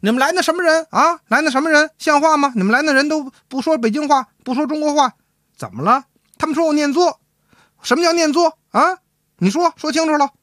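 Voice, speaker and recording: A man doing a shrill, vain housewife. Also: fast talker, hardly any pauses, pushed and bright, dry recording, studio quality. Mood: scolding. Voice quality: shrill, scolding. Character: vain shrill Beijing housewife, middle-aged. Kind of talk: comic crosstalk storytelling.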